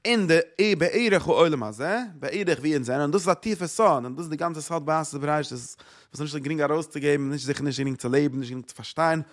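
A man teaching a Torah lecture, repeating phrases and asking rhetorical questions. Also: medium pitch. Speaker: religious teacher.

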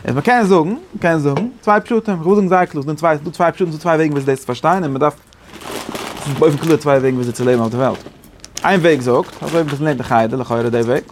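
A man teaching a Torah class in a casual lecturing way, often rising to high emphatic peaks. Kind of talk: Yiddish-flavored Torah class.

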